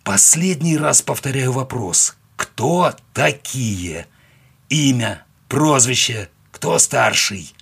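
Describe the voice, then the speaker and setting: A man's voice: lowish voice, big pitch swings, a little slow, fairly bright tone, husky, exaggerated voice. A man doing a cold, curt young interrogator. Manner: curt, clipped commands.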